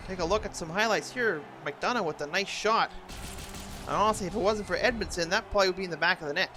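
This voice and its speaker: A man's voice: high-pitched, quick pace, music in the background. A man doing play-by-play hockey commentary for a video game, imitating a TV sports announcer's delivery. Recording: noisy, game sound throughout.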